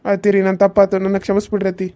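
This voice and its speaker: A woman's voice: medium pitch, completely flat delivery, very fast, mellow, lightly acted. A woman voicing an earnest young village husband in a cartoon serial, apologizing. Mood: apologetic pleading. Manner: pleading, apologetic.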